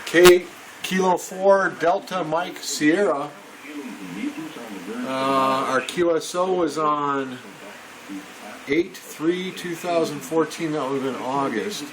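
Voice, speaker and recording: In a noisy room with crowd noise and a shortwave radio broadcast playing, a ham radio hobbyist offers an off-the-cuff, meandering show-and-tell. His voice sits on the high side, and his casual chat comes at a slow pace.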